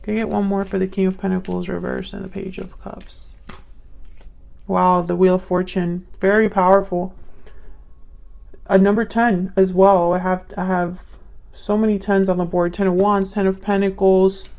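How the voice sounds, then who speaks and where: A woman's voice: mid-range voice, little pitch movement, normal speed, creaky, a little mellow. A young woman reading tarot cards casually, musing aloud as she pulls cards. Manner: musing, thinks aloud while pulling cards. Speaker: tarot reader.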